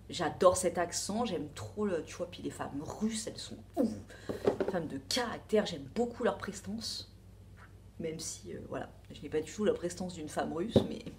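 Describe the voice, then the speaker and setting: A woman's voice: on the low side, background noise. Chatty French woman unboxing beauty products. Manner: chatty, rambling, full of asides and fillers. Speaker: beauty box reviewer. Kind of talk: casual unboxing chat.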